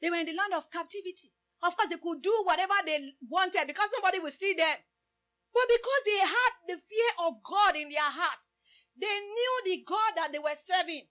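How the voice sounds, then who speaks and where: This is a very high-pitched, somewhat bright female voice at a moderate pace, delivering a sermon in English rather than her first language. Her listeners hear frequent cries of "praise the Lord" along with rhetorical questions.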